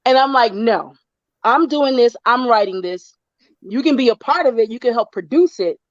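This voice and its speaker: A slightly high voice with lively intonation belongs to a middle-aged writer from Florida, speaking at normal speed in a casual online interview. She talks in loose, rambling runs full of fillers and restarts, chatty and quick to laugh. The video-call sound is dull.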